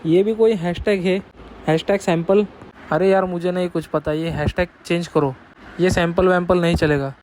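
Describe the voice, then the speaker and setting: Lady putting on a low whiny young guy, grumbling groom, fussy and fed up. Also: steady tone, moderate pace, a little mellow, slight background noise, close to an everyday voice, rough recording. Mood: complaining. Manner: complaining, exasperated.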